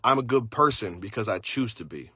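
A man's voice: fairly low pitch, lively intonation, brisk, bright, forceful tone, breathy edge, no echo, studio quality. A father giving a blunt, intense motivational rant full of swearing. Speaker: motivational speaker.

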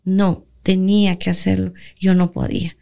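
A woman's voice: medium pitch, level tone, normal speed, creaky, warm tone. A woman pastor with a Latin American Spanish accent giving an earnest testimony on a church radio program, acting out her own prayers as she tells the story.

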